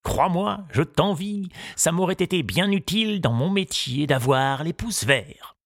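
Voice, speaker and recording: A man voicing a kindly, wise old male gardener in an audiobook, musing slowly and confidingly. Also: on the high side, expressive, vocal fry, no echo, studio quality, voice pushed up, heavily acted. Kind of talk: audiobook character reading.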